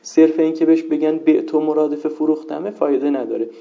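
A man's voice: fairly high pitch, fairly even intonation, creaky. A man teaching a seminary lesson on jurisprudence, explaining points patiently and conjugating examples aloud. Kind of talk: lecture on Islamic jurisprudence. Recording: dull lo-fi recording.

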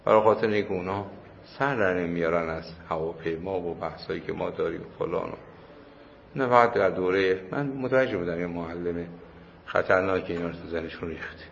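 A man's voice: deep voice, creaky. A man giving a religious lecture to a class in a casual, conversational way, telling anecdotes and repeating his points for emphasis. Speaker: cleric lecturer. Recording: muffled hall recording with faint noise.

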